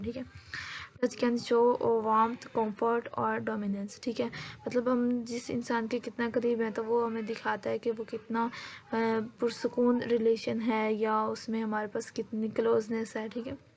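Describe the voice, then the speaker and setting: A woman lecturer going over exam material. She mixes in English terms, says "ठीक है" again and again, and fills her pauses with "uh". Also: on the high side, a little mellow.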